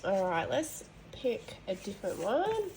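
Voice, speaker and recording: A woman's voice: medium pitch, sing-song, measured pace, a little mellow, slight background noise. A woman hosting a colouring channel from home, chatting casually with rambling, apologetic asides and a nasal voice from hay fever. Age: adult, mother of boys. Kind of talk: casual show-and-tell chat.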